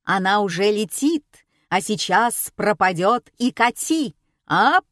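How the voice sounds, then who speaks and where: Woman playing a male stage magician, booming, theatrical, raised pitch, dry audiobook sound. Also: slow pace, no echo. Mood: grandly booming. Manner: bellowing, theatrical announcing.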